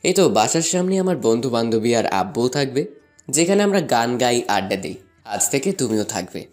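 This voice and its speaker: A man's voice: mid-range voice, sing-song, normal speed, darkish tone, faint music behind, close to an everyday voice. A young man narrating a first-person love story and voicing a playful, teasing student in an audio drama. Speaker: narrator and lead voice actor.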